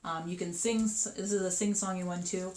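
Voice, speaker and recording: A woman in her thirties chatting upbeat about children's books, with lots of ums and quick asides. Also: lowish voice, steady tone, darkish tone. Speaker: children's book seller. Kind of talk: casual book showcase. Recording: echoey room with faint noise.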